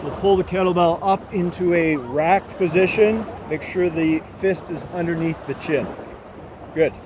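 A man coaching exercise like an aerobics instructor, giving short brisk commands, counts and encouragement outdoors. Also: on the high side. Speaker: fitness coach leading a workout. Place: outdoors on an open sandy beach by the water. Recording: noisy outdoor recording with surf and wind.

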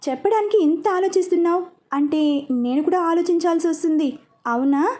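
A woman voicing a calm, devoted young husband who speaks gently but firmly in a read-aloud story. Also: extremely high pitch, fairly quick, pitched above the performer's own voice. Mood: earnest.

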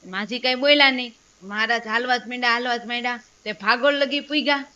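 A woman's voice: fairly high pitch, fast talker, pushed and bright, clear, resonant tone. A woman telling a devotional story, acting out the voices of its characters as she goes. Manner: storytelling with quoted dialogue. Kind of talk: religious story narration.

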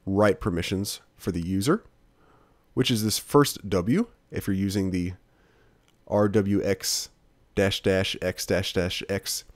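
A man narrating a software tutorial screencast as instructor, in a steady, plain-spoken, explanatory way. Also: fairly low pitch, no echo.

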